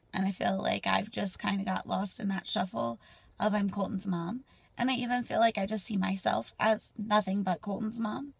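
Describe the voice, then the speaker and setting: Young mom vlogger in her twenties, husky and gravelly, close dry sound in a car, candid and rambling. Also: medium pitch, no echo. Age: 20s. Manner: candid and rambling, drops to soft near-whispers. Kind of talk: casual personal vlog. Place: parked car, indoors. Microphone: phone camera at arm's length.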